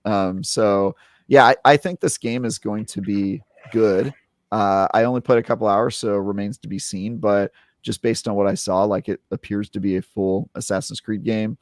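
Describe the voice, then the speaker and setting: A young adult man chats on a gaming podcast in a low voice, and the close mic gives it a dry, intimate sound. He rambles happily, doubling back on his words and leaning on fillers as he works up to the good parts. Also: normal speed, no room sound. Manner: rambling, filler-heavy, animated retelling. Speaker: podcast co-host, game reviewer. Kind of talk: casual podcast chat.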